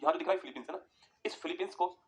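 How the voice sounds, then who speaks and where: A man teaching a geography lesson over a map, talking quickly and repeating points for students to write down. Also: high-pitched. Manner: rapid, repetitive, tells students to write points down.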